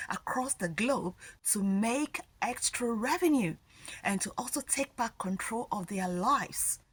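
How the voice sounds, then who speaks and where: A woman's voice: on the high side, a bit bright, slightly rough. A woman from Ghana giving an earnest, persuasive testimonial as a nurse turned online business promoter. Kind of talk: scripted testimonial. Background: background music.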